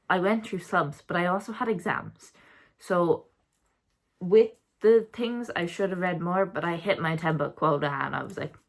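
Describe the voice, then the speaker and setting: A young woman chatting casually about her month's reading, rambling and correcting herself as she goes. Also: fairly low pitch. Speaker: book vlogger. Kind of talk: casual reading wrap-up chat.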